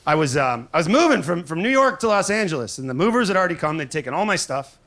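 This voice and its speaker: Higher-voiced male stand-up comic, crowd laughter. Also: big pitch swings, fast talker, a bit bright. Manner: self-deprecating, hesitant, conversational joke delivery. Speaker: stand-up comedian. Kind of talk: stand-up comedy set before a live audience. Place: live comedy venue on stage. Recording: live show with audience laughter and noise.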